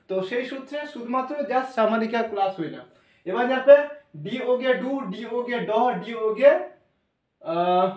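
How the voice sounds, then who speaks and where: A male teacher with a notably high voice steps through a lesson, spelling out letters one by one and putting questions to the class that he then answers himself. He sits back from the microphone, so the sound is thin and distant, and it rings around an echoey room. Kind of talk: classroom-style lesson explanation. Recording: echoey room, voice away from mic.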